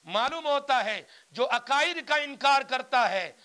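A man's voice: very high-pitched, expressive, pushed and bright. A man preaching a Quran commentary sermon, reciting Arabic verses and explaining them with emphatic repetition. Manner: emphatic, repeats phrases.

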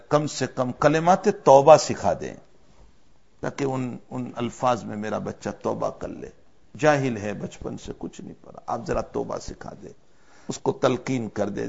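A man preaching a sermon as a story, with emotive delivery that swells loud and then drops low. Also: gravelly, slightly rough, lo-fi sound.

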